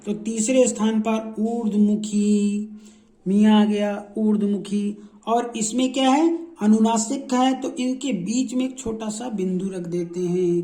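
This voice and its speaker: Slow, dark-voiced male shorthand teacher. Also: high voice. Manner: asks rhetorical questions and answers them himself; repeats sounds slowly for emphasis. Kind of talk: classroom explanation.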